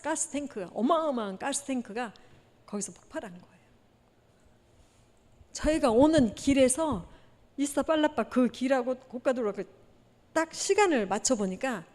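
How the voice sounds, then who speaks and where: A woman missionary preaching a testimony sermon, telling her story in an animated way and acting out the dialogue. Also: high-pitched. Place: church sanctuary. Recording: long reverb of a church hall.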